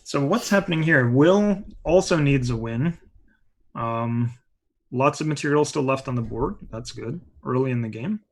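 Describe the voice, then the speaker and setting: A man's voice: mid-range voice, moderate pace. Chatty man commenting on chess. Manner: chatty, explains moves with many asides.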